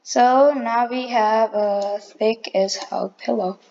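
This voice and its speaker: Tutorial narrator: woman, high voice, unhurried, self-correcting asides, dull lo-fi mic. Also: steady tone, creaky, darkish tone. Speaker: tutorial maker. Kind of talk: casual screen-recorded tutorial.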